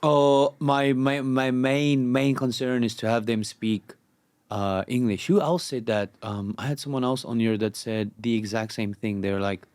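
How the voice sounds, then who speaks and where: A man's voice: mid-range voice, fairly even intonation, a little slow, a little mellow, clear, resonant tone. A man from South Africa hosting a casual podcast chat, joking, telling stories and laughing often. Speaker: podcast host.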